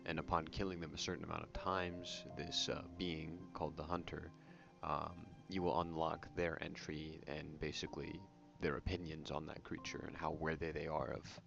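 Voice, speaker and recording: A man speaks softly in a very low voice with a crackly, fry-laden edge, in the style of ASMR game commentary. He is casual and rambling, often correcting himself. The audio is slightly muffled. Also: little pitch movement, normal speed, few pauses. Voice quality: soft-spoken, low voice without whispering. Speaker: YouTube game channel host. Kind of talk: soft-spoken ASMR commentary on a video game. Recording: muffled audio under prominent music. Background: music.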